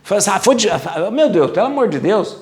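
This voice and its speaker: Moses, a priest acting out a fed-up prophet. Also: male voice, high voice, big pitch swings, normal speed. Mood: exasperated. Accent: Brazilian Portuguese. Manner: pleading, exasperated complaining. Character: exasperated old male prophet Moses, fed up.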